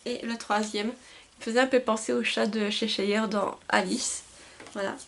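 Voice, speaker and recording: A slightly high-voiced woman chats casually about her new books. She often stumbles, stammers and restarts her words. Her voice is picked up by a camcorder's built-in mic. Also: fairly even intonation, normal speed, gravelly. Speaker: book vlogger. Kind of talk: casual book haul talk.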